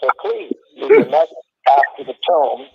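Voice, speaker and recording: A man's voice: a little high, wildly swooping pitch, moderate pace, gravelly, crowd noise. A man's recorded voicemail greeting played back over a phone line, in a mock-formal answering-machine delivery. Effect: recorded voicemail greeting heard over a phone line.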